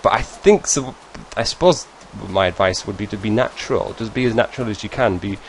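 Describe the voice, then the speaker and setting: Low-voiced rambling British man. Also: a little fast, slight background noise, low-quality recording. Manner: rambling, self-deprecating, chatty. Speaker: YouTuber. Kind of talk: casual Q&A vlog.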